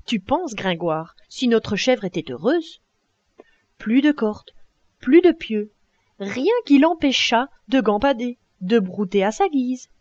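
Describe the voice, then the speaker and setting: A woman narrating an audiobook tale in an expressive storytelling manner with many exclamations. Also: fairly high pitch, takes it slowly, no room sound, muffled recording. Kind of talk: storybook reading.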